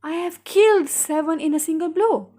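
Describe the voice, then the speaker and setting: A man's voice: very high-pitched, normal speed, darkish tone. A woman voicing a proud, clever male tailor in a storybook read-aloud for a class, speaking his lines with exclamation.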